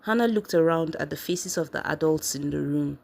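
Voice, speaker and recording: A woman narrating a family drama story in a steady, even reading voice. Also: low voice, brisk, creaky.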